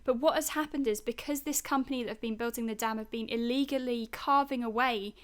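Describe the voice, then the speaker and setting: A woman's voice: fairly high pitch, steady tone, a little fast, clean tone. A woman co-hosting a wildlife podcast, explaining earnestly and with engaged concern. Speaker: podcast co-host. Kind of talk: conversational podcast discussion.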